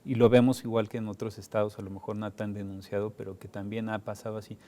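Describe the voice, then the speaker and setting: A Mexican man with a low, mellow voice, moderating a television studio panel. He talks in a relaxed, conversational way and keeps tagging his questions with a questioning "no". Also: quick pace. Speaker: host.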